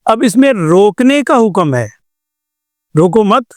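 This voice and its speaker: A man's voice: high-pitched, lively intonation, no echo, studio quality. An older man from Pakistan teaching Quran recitation in a patient classroom lecture, explaining with repeated examples and rhetorical questions.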